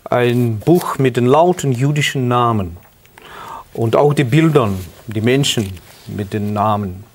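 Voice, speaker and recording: Mann mit ukrainischem Akzent, ernst erzählend. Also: male voice, mid-range voice. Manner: earnest, halting non-native German with restarts. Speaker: guest. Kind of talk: personal testimony interview.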